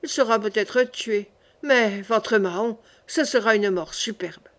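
A woman's voice: mid-range voice, unhurried, a bit bright, natural voice. A woman reading as a rash, boastful young king. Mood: mocking.

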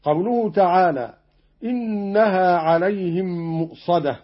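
A man presenting a scripted radio explanation of Quran readings, formal and measured, slowing down to recite the example verses, on a dull old radio broadcast recording. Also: high voice.

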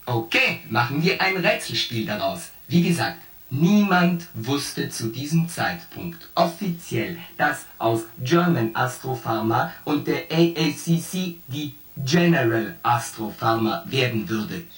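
In a science fiction radio play, an actor voices a shipboard artificial intelligence, coldly logical and pedantic as it lists its points one by one. The voice is medium-pitched, expressive, and close to everyday speech, unhurried with few pauses, and the mood is coldly analytical. The recording has roomy echo, a distant voice, and music behind it.

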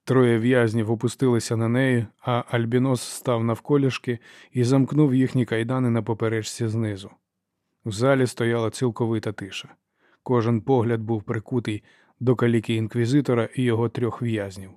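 A man narrating a fantasy novel as an audiobook, in a steady, even storytelling manner. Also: mid-range voice, normal speed, dry recording, clean studio sound.

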